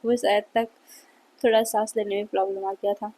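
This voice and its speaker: A woman's voice: medium pitch, flat delivery, brisk, mellow, lightly acted. A woman voicing a proud, possessive man who boasts of his strength, in a fan fiction read-aloud. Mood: boastful. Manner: boastful, challenging.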